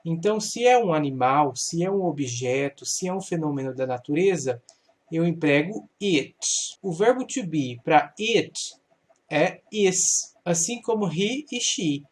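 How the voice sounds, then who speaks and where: A man with a fairly high voice walks students through an English grammar lesson. He talks slowly and patiently. He poses a question, then answers it himself. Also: expressive. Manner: patient, explains slowly, asks and answers his own questions. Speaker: English teacher.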